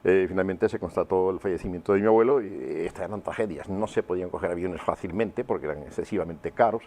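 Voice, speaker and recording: Low, deep, and mellow, this older man's voice carries his personal testimony as an interview guest. He's from Huelva, Andalusia, Spain, and he pauses often, hunting for words as he looks back on his memories.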